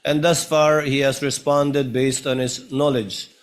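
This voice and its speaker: A man presiding over a trial in a courtroom, giving formal rulings politely but firmly, with hesitant pauses. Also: mid-range voice, little pitch movement.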